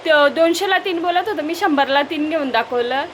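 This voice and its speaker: Chatty high-voiced woman vlogging at home. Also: normal speed, fairly bright tone, a little hiss or hum. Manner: chatty, teasing, bargain-proud. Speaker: vlogger, homemaker. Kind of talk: casual home vlog narration.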